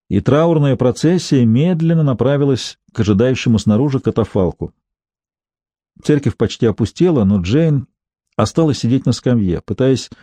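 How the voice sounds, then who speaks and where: A man reading a thriller audiobook in scripted narration, measured and even. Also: mid-range voice, no room sound.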